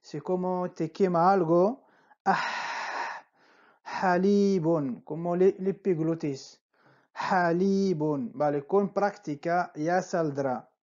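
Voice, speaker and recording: A patient teacher talks at a very slow pace, stretching out each syllable. The tone is dark and mellow, and the recording sounds dull and lo-fi. Each word is repeated several times, with frequent checks of "¿vale?". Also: medium pitch, steady tone. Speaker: Arabic teacher. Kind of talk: slow spelling-out lesson.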